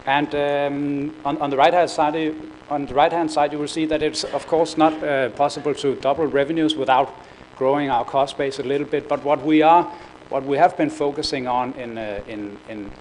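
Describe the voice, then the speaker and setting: Speaking at normal speed with fairly even intonation, this conference speaker has a fairly high, slightly mellow voice, with a little hiss or hum on the audio. He's a middle-aged man from Denmark with a Danish accent, presenting on business in a conference room and stumbling hesitantly through fillers, restarts and repeated words.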